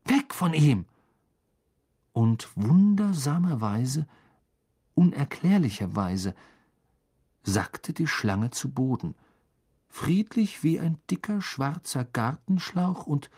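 A man narrating a children's fantasy novel in a measured, expressive reading voice. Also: medium pitch, breathy edge. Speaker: audiobook narrator. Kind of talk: storybook narration.

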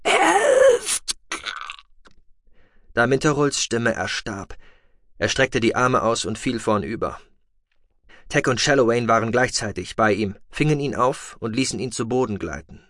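A man reads a science fiction story in a steady, even narrating voice. His pitch sits at an ordinary middle. The recording is dry and close, with no room echo. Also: moderate pace. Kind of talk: scripted audiobook narration.

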